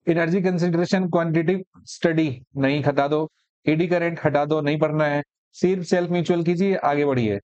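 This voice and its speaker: A man's voice: a little high, steady tone, fairly quick, darkish tone, clean tone, dry recording, dull audio. A man teaching physics for exam prep in a conversational lecture, sarcastic as he rattles off deleted topics.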